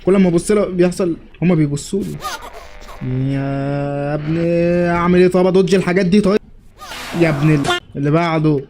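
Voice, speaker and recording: Against a noisy background, a young Egyptian-accented gamer keeps up brisk, joking let's play commentary. His voice is fairly high, and he talks back to the characters as he plays.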